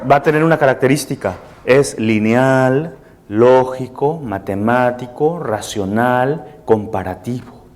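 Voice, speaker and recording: A man's voice: mid-range voice, a little mellow. Man lecturing an audience. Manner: explanatory, seeks assent with tag questions. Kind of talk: live classroom lecture. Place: room with a seated audience.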